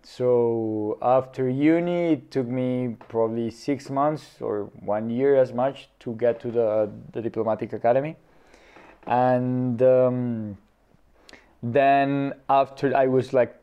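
Guest, male, 30s, from Colombia; slow, halting, mellow, smooth voice on a dull recording. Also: medium pitch, steady tone. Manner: hesitant, many fillers. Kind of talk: casual interview.

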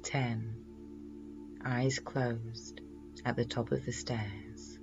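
A man leading a guided relaxation in a slow, soothing hypnotist's manner, measured and full of pauses. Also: mid-range voice, steady tone, lo-fi sound, over music.

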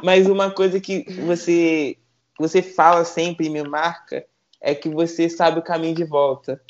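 A man's voice: fairly high pitch, a little slow. Brazilian man interviewing, faint hiss. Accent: Brazilian Portuguese. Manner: relaxed, short affirming replies. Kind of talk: casual interview. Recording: dull sound with faint noise.

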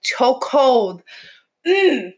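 A woman's voice: sits high, sing-song, drawn-out words. A teenage girl co-hosting a podcast, talking in casual chat with blunt, dramatic remarks. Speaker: podcast co-host.

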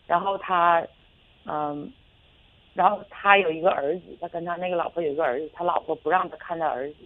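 A woman's voice: fairly low pitch, steady tone, fairly quick, no echo. Hesitant woman caller on a tinny phone line. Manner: hesitant and rambling, many fillers and restarts. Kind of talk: call-in radio, telling a personal story. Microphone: telephone.

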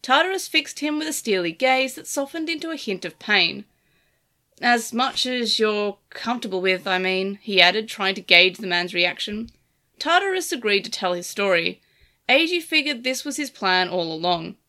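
A woman reading a story chapter aloud as narrator, in an expressive reading voice. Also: medium pitch, normal speed.

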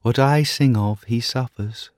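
Man putting on a gentle female nightingale, lyrical, lilting, raised above his low voice, dry close sound. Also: a little slow, dry recording, natural voice. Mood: wistful. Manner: lyrical, earnest, softly lilting. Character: lovelorn female nightingale, tender and wondering.

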